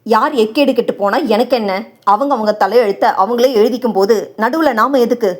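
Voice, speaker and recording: A woman's voice: a little high, a little fast, natural voice. Woman voicing a stern, commanding older father. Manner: curt, commanding.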